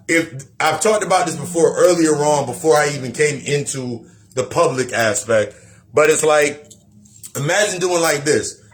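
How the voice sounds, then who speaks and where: A man's voice: a little high, a bit bright. A man giving a blunt, profane spiritual self-help monologue, repeating phrases and talking straight to the listener. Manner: preachy, talks straight to the listener.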